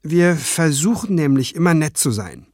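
Brief: male reader doing a cheeky young female fighter, pitched up, dry sound. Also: expressive, moderate pace, a little mellow, dry recording. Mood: dry, teasing. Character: tough young female magician, blunt and cheeky.

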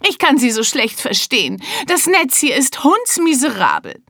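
A blustering, hot-tempered rich man shouts and rants indignantly in a storybook reading, as a woman puts him on. His voice is pushed up high and loud, swinging wildly in pitch. The sound is close and dry. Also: sing-song, moderate pace, gravelly, no echo, heavily acted. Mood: shocked, outraged.

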